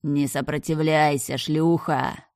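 A woman's voice: sits low, fairly even intonation, slow pace, a little mellow, no echo, studio quality. A woman reading the lines of a cruel male villain in an audiobook, hissing and snarling his threats. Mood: menacing.

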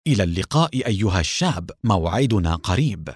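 Man voicing a calm, mocking masked cowboy vigilante. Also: sits low, fast, slightly rough, dry recording, clean studio sound, pitched below the performer's own voice, heavily acted. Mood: cold.

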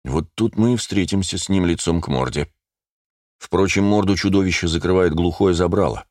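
A man narrating a first-person fantasy audiobook in a measured, steady manner. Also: low-pitched, no room sound, studio quality.

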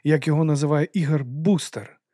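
A man's voice: fairly high pitch, fairly quick, warm tone, no echo, studio quality, pitched above the performer's own voice, lightly acted. A man voicing a nervous young clockmaker who talks in an unsure, hesitant way.

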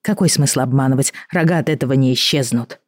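A woman voicing a calm, practical girl who speaks in a soothing, matter-of-fact way. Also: extremely low pitch, brisk, no echo, studio quality.

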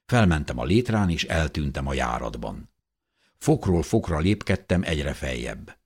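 A man narrates a story in the first person with an expressive, dramatic reading. His voice is very low and somewhat husky. His pitch rises and falls widely as he tells it. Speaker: audiobook narrator.

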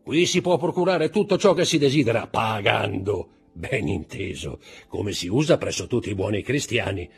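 A man voicing a sly brigand jailer who is mock-deferential and calmly serious, with a husky voice. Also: lowish voice, normal speed, hardly any pauses, soft background music, exaggerated voice. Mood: mock-polite.

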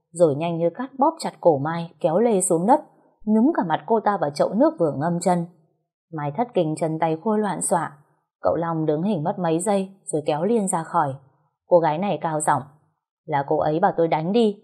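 A woman narrating a story in a low, steady voice. Her tone is mellow and warm, with a breathy, husky edge. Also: normal speed. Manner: steady, even story reading.

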